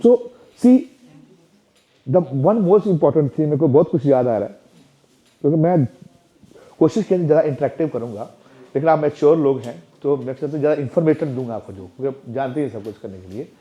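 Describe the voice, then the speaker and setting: A man's voice: fairly high pitch, lively intonation, brisk, long pauses. A man who is a temple president giving an interactive spiritual talk to parents, often asking the audience questions in a playful, chatty way. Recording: dull lo-fi recording.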